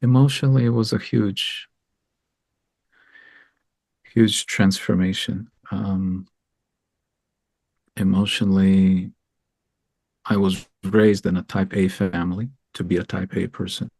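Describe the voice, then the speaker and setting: Gravelly low-voiced man, halting and earnest. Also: fairly even intonation, darkish tone, no room sound. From Israel. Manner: earnest, thoughtful, halting with many ums. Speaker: guest. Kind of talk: reflective interview talk.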